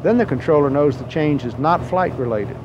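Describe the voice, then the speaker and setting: A slightly high-voiced man reads plain, explanatory instructional narration for pilots from a script, a little fast and with expressive delivery. The sound is that of a muffled, noisy old training tape.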